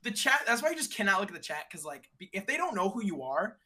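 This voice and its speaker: A young man tells a story in a relaxed conversation, with a bright, slightly sharp tone. He talks in a slangy, animated way and slips into the voices of other people as he recounts what happened. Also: sits high, fast, breathy edge. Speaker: streamer guest.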